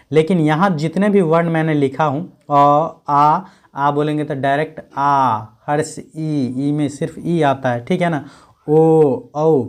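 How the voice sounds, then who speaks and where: A man's voice: a little high, darkish tone. Man teaching, answering his own questions. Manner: asks questions and answers them himself; repeats key points with frequent check-ins. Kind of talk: classroom grammar lesson.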